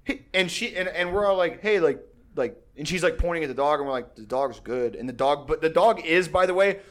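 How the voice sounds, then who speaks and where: A man's voice: on the high side, lively intonation, fairly quick. A young man telling a story in a casual, profane, rambling way, full of fillers and restarts and laughing often.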